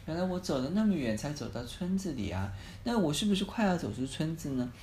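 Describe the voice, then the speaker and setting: Man doing a brave little boy in a storybook, raised squeaky voice, polite, echoey phone recording with faint hiss. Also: sing-song, fast talker. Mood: polite, hopeful. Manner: gentle and polite, turns frightened and tearful. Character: brave ten-year-old boy adventurer.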